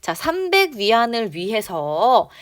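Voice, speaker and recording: A woman teacher runs an online language lesson with a lively, swooping voice. She coaxes her viewers with frequent questions. She reads practice lines slowly and clearly. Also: a little high. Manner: animated, coaxing, asks the viewers questions. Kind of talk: online lesson explaining drama dialogue.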